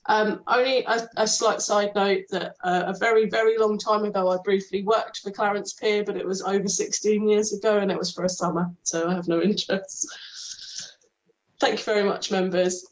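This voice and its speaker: Heard through dull, lo-fi video call audio, a woman runs a formal committee meeting and reads out its procedure. Her voice sits at a medium pitch with fairly even intonation and a moderate pace, broken by the odd hesitant um.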